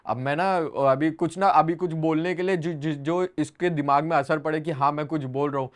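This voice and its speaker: A young man with a slightly raised voice tells stories as a guest in a relaxed interview. He pauses to find his words, then laughs as the story lands. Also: on the high side.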